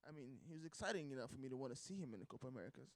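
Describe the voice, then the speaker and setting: A man co-hosting a podcast in casual chat, animated and laughing, cursing and trailing off mid-sentence. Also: medium pitch, very fast. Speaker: podcast co-host.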